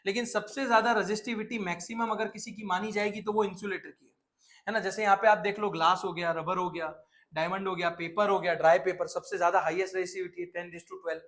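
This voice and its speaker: High-voiced energetic male science teacher. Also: brisk. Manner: energetic, mixes Hindi and English, asks and answers his own questions. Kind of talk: exam-prep science lecture.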